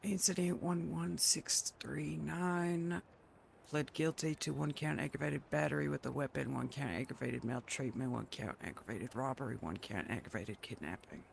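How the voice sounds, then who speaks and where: A man's voice: mid-range voice, steady tone, normal speed, creaky, slight background noise. A man playing a prosecutor in a role-play courtroom, formally reading out long lists of charges.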